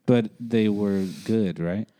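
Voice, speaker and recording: A man's voice: lowish voice, slow, mellow. A man co-hosting a podcast in casual chat, laid-back, with many fillers and casual swearing. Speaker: podcast co-host.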